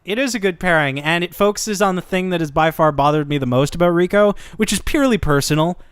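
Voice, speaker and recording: A man's voice: high-pitched, fast talker, smooth, dry recording, clean studio sound. A man co-hosting a casual anime discussion podcast, enthusiastic and swearing freely. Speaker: podcast co-host.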